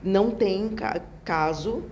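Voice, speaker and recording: A middle-aged woman with a southern Brazilian accent, a speech therapist speaking as an interview guest, emphatic and animated, acting out the phrases she quotes. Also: mid-range voice, slow, a little hiss or hum. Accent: southern Brazilian Portuguese.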